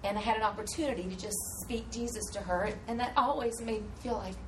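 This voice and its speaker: A woman's voice: fairly high pitch, steady tone, quick pace. A woman sharing a faith story with a church group, earnest and cheerful. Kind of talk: casual testimony. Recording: distant voice with background noise.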